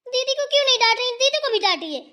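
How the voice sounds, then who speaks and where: A woman's voice: very high voice, animated, fast, pushed and bright, full character voice. Woman doing a whiny young cartoon bahu. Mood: pleading. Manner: complaining, whiny. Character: whiny young sister-in-law, quarrelsome.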